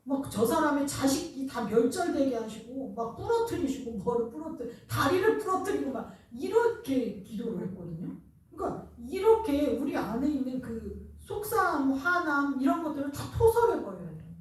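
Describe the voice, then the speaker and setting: A woman's voice: high-pitched, sing-song, moderate pace, slight background noise. A woman pastor preaching a sermon in a conversational way, telling personal stories with laughter, in a church sanctuary. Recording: very echoey hall, voice from a distance.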